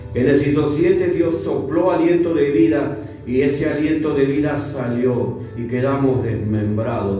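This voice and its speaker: Slow, dark-voiced preacher in an echoey church. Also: male voice, medium pitch. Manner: emphatic preaching, repeating words for stress. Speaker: pastor. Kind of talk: sermon. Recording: echoey church hall, mic far off, faint music.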